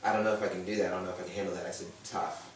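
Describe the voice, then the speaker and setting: A man appearing as a panel guest at a brunch show recounts his story sincerely, voicing the words of others as he goes. He talks very fast in a low, flat voice, captured by a distant mic in an echoey room with slight background noise.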